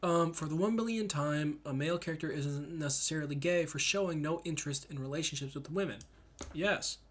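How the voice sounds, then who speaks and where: A young man chatting casually and emphatically in slang, thinking out loud as he rambles through his opinions. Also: fairly high pitch, a little fast. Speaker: solo commentator reading and reacting to comments. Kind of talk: casual rambling chat about comics and anime.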